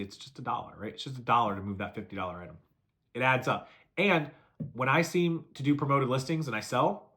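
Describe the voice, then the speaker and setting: A man giving brisk step-by-step selling advice in a casual video, listing steps and repeating them. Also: medium pitch, fairly bright tone. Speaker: reseller giving selling tips. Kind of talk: fast casual how-to talk to camera.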